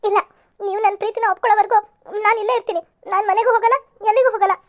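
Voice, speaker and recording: A lovesick, stubborn young cartoon woman, as a woman puts her on. She pleads and sulks, her voice squeaky-high and rushed. Tearful insistence runs through her lines. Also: steady tone. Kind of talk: amateur cartoon voice acting.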